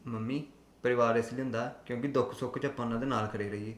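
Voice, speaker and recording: Sex: man. Figure: gentle pleading son, acted by a man. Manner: soft, pleading. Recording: roomy echo. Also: mid-range voice, fairly even intonation, quick pace, lightly acted.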